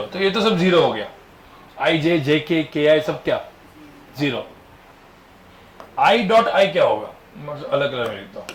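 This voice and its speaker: A male physics teacher lectures his class, constantly firing questions at the students. His voice is a little high, and the echoey classroom recording carries faint ambience and slight background noise.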